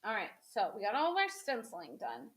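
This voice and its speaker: A woman hosts a crafting demo, chatting casually to viewers while she paints and sounding a little sniffly from a cold. Her voice is a little high, very animated and fairly quick.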